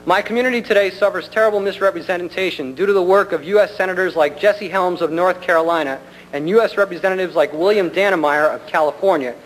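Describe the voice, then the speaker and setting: Man, fairly high voice, deliberate polite public speaker, formal prepared address, faint noise and hum on meeting recording. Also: poor audio. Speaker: community center director addressing a county commission. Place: public government meeting room.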